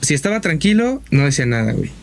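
Slangy Mexican man, fairly high voice. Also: sing-song, fast. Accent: Mexican Spanish. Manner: slangy, hesitant, many fillers. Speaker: podcast co-host. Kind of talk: casual chat.

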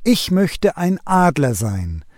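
A man voicing a small, discontented male sparrow who keeps wishing to be something else, in a lively storybook reading. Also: high voice, slow, dry recording, clean studio sound, voice pushed up, full character voice. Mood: plaintive.

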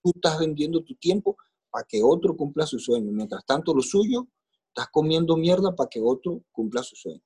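A middle-aged Colombian-accented man, a guest in a casual interview, recounts his life story emotionally and plainly, using coarse slang and repeated phrases. His voice is a little high, mellow and husky, brisk, with wildly swooping pitch.

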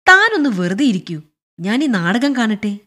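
A woman voicing an irritable older male general who brushes people off curtly and scolds loudly. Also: on the high side, very animated, normal speed, pitched above the performer's own voice, heavily acted. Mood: angry. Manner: curt, loud, scolding.

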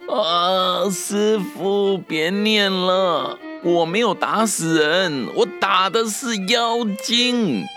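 Cocky monkey king, a man doing it, high and brash, storybook. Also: extremely slow, hardly any pauses, in a large hall, music in the background, heavily acted. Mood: pained. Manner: cocky, dismissive, teasing. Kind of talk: storybook character voice.

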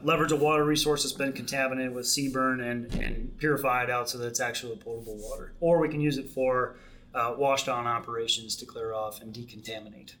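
Middle-aged man, mid pitch, steady explainer with fillers, podcast guest. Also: slight background noise. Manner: measured, explanatory, many restarts and fillers. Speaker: Marine Corps program manager, guest. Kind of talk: podcast interview.

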